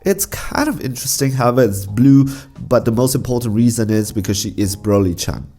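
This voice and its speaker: A man's voice: mid-range voice, expressive, fairly quick, mellow, faint music behind. Stuffy-nosed man with a cold. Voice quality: nasal. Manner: chatty, restarts and stammers. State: strained voice from coughing. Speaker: card game channel host. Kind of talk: casual card game talk.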